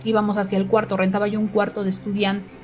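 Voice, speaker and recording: A woman's voice: mid-range voice, flat delivery, fast, low-quality recording. A middle-aged woman with a Mexican accent tells a story in casual chat and acts out the quoted dialogue in shifting voices.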